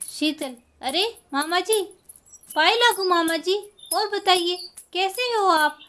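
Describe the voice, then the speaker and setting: A woman's voice: very high voice, slow, pushed and bright, full character voice. A woman voicing a respectful, coaxing young village daughter-in-law. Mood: polite. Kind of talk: storybook voice acting.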